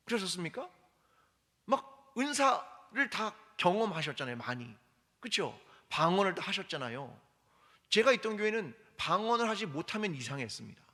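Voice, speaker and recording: A man's voice: high voice, sharp tone. A man preaching a sermon as pastor, firing rhetorical questions and leading the congregation in reading scripture aloud. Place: church hall. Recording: long hall reverb.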